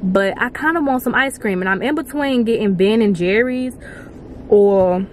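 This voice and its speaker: A woman vlogger sits in a parked car telling a story to her dashboard camera, animated and gesturing with her hands in a casual chat. Her mid-range voice moves at a normal speed, with slight background noise.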